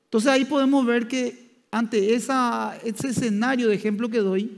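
In a church hall with long reverb, a male pastor with a high, creaky voice preaches a sermon in a steady tone. He speaks haltingly, restarting often and filling gaps with "diríamos."

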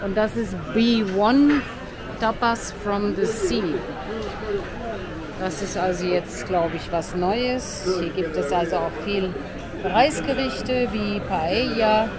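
Speaking slowly in a mid-range voice, a woman vlogger gives chatty narration on a relaxed stroll along a seaside promenade, calling out the sights she passes. A busy crowd can be heard behind her.

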